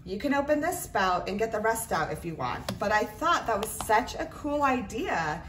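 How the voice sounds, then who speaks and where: A woman's voice: mid-range voice, sing-song, moderate pace, distant mic. Female hobby reviewer, informal hands-on demo style, roomy sound with faint noise and clicks from handled items. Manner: chatty, informal, talking while handling items. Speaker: craft product reviewer. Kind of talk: casual product demonstration. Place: indoors at a tabletop, roomy. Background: clicks and rattles of handled items.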